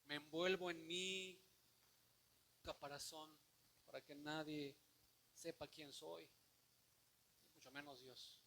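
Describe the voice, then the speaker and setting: High, bright-voiced preacher. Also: male voice, fairly even intonation, slow pace, long pauses, slight background noise. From Mexico. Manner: preaches with rhetorical questions, voice rising to loud declamation. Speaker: pastor. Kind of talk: sermon.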